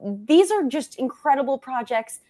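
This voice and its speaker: A woman's voice: sits high, sing-song, moderate pace, dark tone. A woman hosting a show, upbeat and enthusiastic as she introduces and questions a guest. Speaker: host.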